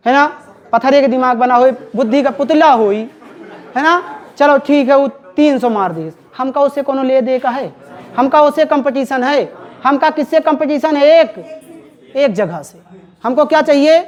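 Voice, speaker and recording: A woman's voice: sits high, lo-fi sound. A woman teacher giving a Hindi grammar lecture in a classroom, repeatedly quizzing her students and having them call back answers.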